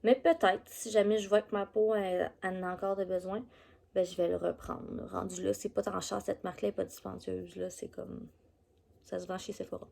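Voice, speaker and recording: A woman's voice: mid-range voice, steady tone, fairly quick, vocal fry, mellow. A woman with a Québécois French accent, chatting casually through a beauty product review with lots of fillers. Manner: chatty, loose, full of fillers. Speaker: beauty vlogger.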